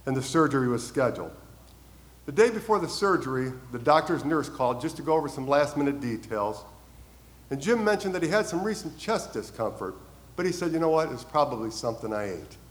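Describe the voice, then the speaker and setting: A man in the middle of a sermon, speaking at an ordinary pitch. He tells his stories earnestly, lifting his voice and then letting it fall to a quiet close on the key lines. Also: animated, brisk, rough recording. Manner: earnest storytelling, swells then drops softly on key lines. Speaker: preacher.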